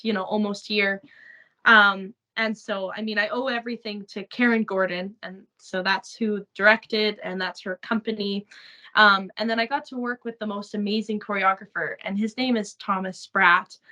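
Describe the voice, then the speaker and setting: A woman's voice: medium pitch, bright, forceful tone, low-quality recording. A young woman from Saskatchewan with a Canadian accent, chatting in an interview with many fillers and frequent laughs. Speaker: actress interviewee. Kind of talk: casual interview chat.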